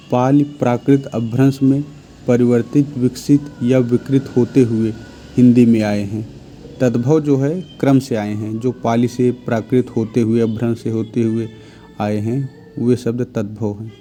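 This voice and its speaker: Slow, dark-voiced male Hindi teacher. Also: medium pitch, steady tone, soft background music. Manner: reads each sentence, then marks it correct or incorrect; poses quiz-style questions, then answers them. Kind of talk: spoken grammar lesson.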